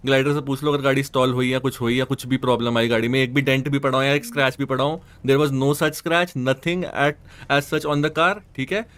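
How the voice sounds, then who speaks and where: A man's voice: medium pitch, fairly even intonation, moderate pace, fairly bright tone. Defensive man arguing point by point. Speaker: roleplay player in a dispute. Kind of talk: heated in-character argument.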